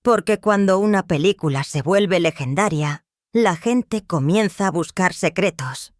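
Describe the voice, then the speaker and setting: A narrator reading a scripted documentary narration in a measured, even storytelling delivery. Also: mid-range voice, no echo, studio quality.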